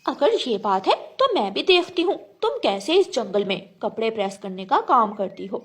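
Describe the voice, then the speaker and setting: A woman's voice: a little high, very animated, normal speed, husky. A woman voicing a proud, scheming female crow in a children's cartoon story, haughty and scornful.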